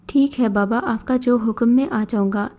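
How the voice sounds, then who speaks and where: A desperate, luckless young man, pleading and confused, read by a woman storyteller. The tone is mellow and pitched fairly high. It plays like a storybook scene. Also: close to an everyday voice.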